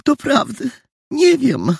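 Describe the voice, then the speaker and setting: A man voicing a gentle, flustered landlady who sighs and frets. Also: very high voice, wildly swooping pitch, slow pace, vocal fry, breathy edge, no echo, clean studio sound, voice pushed up, full character voice. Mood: fretful. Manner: sighing, fretful.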